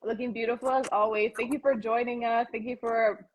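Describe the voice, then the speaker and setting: A woman hosting a casual livestream chat over a video call, animated and slangy, laughing often. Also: a little high, brisk. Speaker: host.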